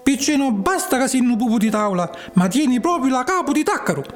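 A patient old talking cricket from a storybook, put on by a male narrator, lecturing in a high, calm voice. He speaks slowly and steadily, never rising to anger. Soft music plays faintly behind him.

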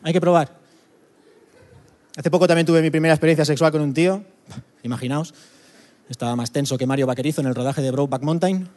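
A man from doing a stand-up monologue, punchy and chatty with quick asides to the crowd. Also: a little high, darkish tone, big-room sound. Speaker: stand-up comedian.

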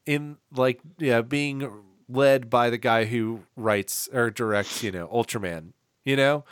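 A man co-hosting a podcast in casual chat, animated and jokey, rambling through his thoughts. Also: medium pitch, takes it slowly, clear, resonant tone, no echo, studio quality. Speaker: podcast co-host.

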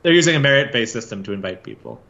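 A man's voice: medium pitch, rapid-fire, gravelly, highs cut off. Man telling a story on a podcast. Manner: storytelling, relaxed with many fillers. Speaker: podcast guest. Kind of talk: casual podcast chat.

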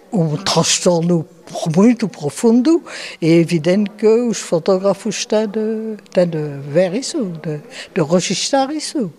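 Very old woman, slow and reflective. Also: on the low side, mellow. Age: 90s. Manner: slow, thoughtful, with hesitations and restarts. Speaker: interviewee. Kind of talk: reflective interview answers.

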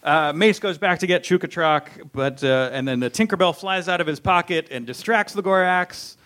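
A man's voice: high voice, moderate pace, fairly bright tone. A man hosting a casual, comedic film recap chat in a wry, jokey manner, often laughing as he talks. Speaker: podcast host recapping a film.

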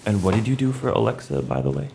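A man speaking with formal, measured wording. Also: fairly low pitch, big pitch swings, vocal fry, mellow, slight background noise, full character voice.

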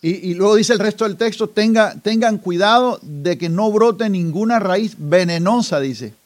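A man with a high voice hosts an interview. He reads quoted passages aloud and prompts his guest with short questions. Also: normal speed. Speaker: interviewer host. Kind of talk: interview conversation.

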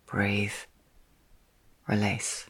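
A woman's rumbling low, monotone voice leads a guided sleep meditation. She speaks softly and breathily, partly in a whisper, offering short soothing phrases broken by long pauses.

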